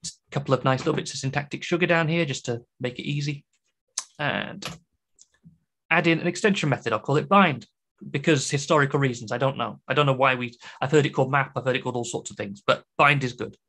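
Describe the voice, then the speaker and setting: A man's voice: medium pitch, quick pace, pushed and bright. A man with a British accent giving a chatty, enthusiastic conference talk on programming, with joking asides. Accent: British English. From Britain. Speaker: conference speaker.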